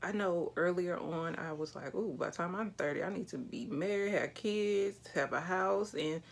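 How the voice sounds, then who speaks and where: A woman's voice: lowish voice, moderate pace, creaky. A thirty-year-old woman chatting candidly and casually while doing her makeup, with easy slang and some swearing, recorded in a small room facing the camera. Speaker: beauty vlogger. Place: small indoor room with a plain backdrop.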